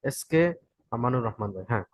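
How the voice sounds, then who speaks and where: A man's voice: medium pitch, animated, fast talker, no echo. A man with a West Bengal Bengali accent teaching an online Quran reading class, patient and repeating each point to check his students follow.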